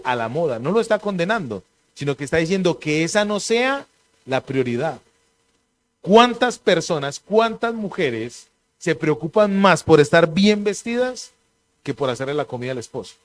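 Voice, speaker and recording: Pastor preaching, lively questions. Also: male voice, on the high side. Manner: conversational preaching with rhetorical questions. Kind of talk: sermon.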